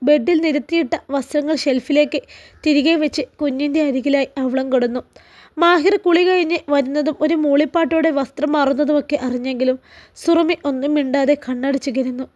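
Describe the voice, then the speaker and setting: A woman narrating a serialized family story in a steady, emotive reading. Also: sits high, a little fast, highs cut off.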